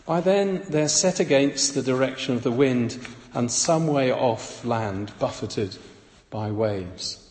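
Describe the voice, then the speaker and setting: A man giving a devotional Bible reflection in a measured, reflective way, recorded with an echoey hall reverb. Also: mid-range voice, darkish tone. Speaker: preacher.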